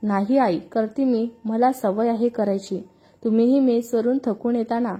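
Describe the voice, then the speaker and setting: A woman's voice: fairly high pitch, fairly even intonation, unhurried, mellow, slightly rough. A woman playing a teasing young friend. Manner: amused, teasing.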